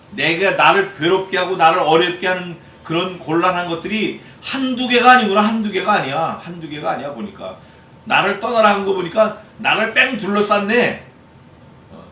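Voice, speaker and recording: A male pastor giving a Bible exposition sermon in a lively way, acting out quoted voices and putting questions to the congregation. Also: high voice. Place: church hall. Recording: echoey church hall, distant mic, faint noise.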